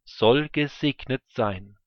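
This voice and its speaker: A man reading scripture aloud, voicing an old father who speaks solemn blessings in a measured way. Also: mid-range voice, no room sound, dull audio, natural voice.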